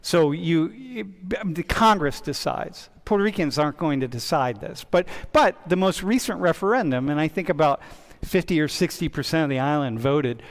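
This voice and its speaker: A man teaching a university class as a relaxed, chatty professor who keeps breaking off and restarting. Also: a little high, moderate pace, hardly any pauses. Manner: chatty, interrupts himself often. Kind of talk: casual classroom discussion. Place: large lecture hall. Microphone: wireless mic. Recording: reverberant lecture hall.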